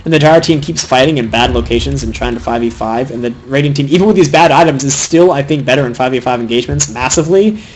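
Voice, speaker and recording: A young man giving fast, opinionated solo commentary on a video game match, critiquing the players' item choices. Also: medium pitch, slight background noise, rough recording. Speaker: game caster.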